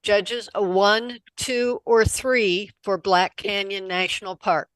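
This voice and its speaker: A woman moderating a camera club competition, calling judges and announcing scores in a brisk, businesslike way. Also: medium pitch, steady tone, no echo, low-quality recording.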